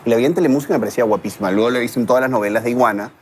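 Guy guest, rattles off stories super fast, does voices for people, bit of noise behind. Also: medium pitch. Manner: animated storyteller, acts out quotes. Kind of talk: casual chat.

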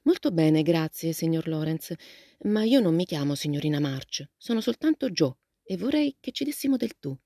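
A woman voicing a lively, outspoken teenage girl in a storybook reading, asking eager, gushing questions. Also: low voice, moderate pace, dry recording, clean studio sound. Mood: friendly.

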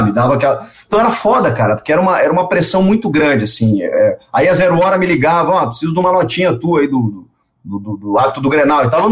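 A man, telling stories in a casual interview, animated and repeating words as he goes. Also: medium pitch. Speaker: guest. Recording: dull lo-fi sound.

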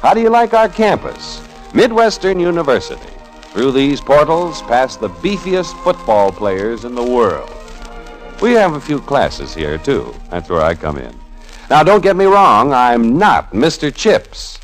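A man's voice: medium pitch, sing-song, measured pace, faint music behind, low-quality recording. An actor playing a wisecracking middle-aged male journalism professor with a dry, sardonic manner, in 1940s radio acting style. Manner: sardonic, quippy. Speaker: narrator and lead.

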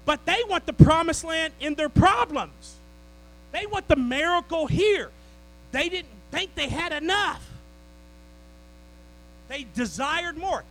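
A man preaching a sermon, swinging from loud declarations to low, joking asides with his congregation. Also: expressive, takes it slowly, pauses often, poor audio.

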